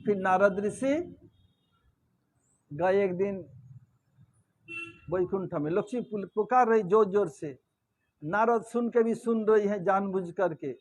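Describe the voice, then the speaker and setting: A man preaching in a temple hall, telling a scripture story in a lively way and acting out its characters' voices. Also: high-pitched, slow pace, pauses often. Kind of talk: storytelling sermon.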